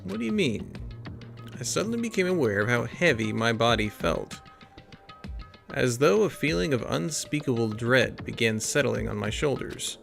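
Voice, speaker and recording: A man's voice: mid-range voice, big pitch swings, normal speed, vocal fry, over music. A man playing a game and reading its dialogue aloud in shifting tones, with wry casual asides between lines. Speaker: let's play streamer.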